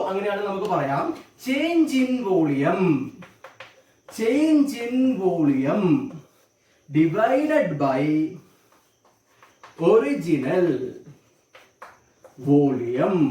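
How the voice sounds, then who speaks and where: Malayali male physics teacher, high voice, quizzes students and answers himself, drags out key terms, roomy sound with the mic at a distance. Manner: asks students questions and answers them, repeats key terms slowly. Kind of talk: classroom physics lecture. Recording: echoey room, voice from off the mic.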